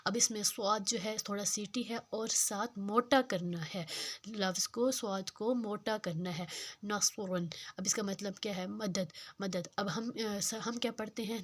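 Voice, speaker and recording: A woman teaching Quran reading, speaking slowly and repeating sounds and words to show the difference between them. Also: mid-range voice. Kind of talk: slow patient tajweed lesson.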